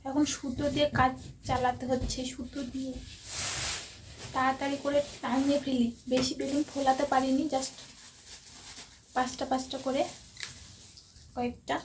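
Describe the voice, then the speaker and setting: Bengali woman vlogger, high voice, hushed and halting delivery. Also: level tone, background noise. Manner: hushed near-whisper, stumbling over words. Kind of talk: casual vlog narration.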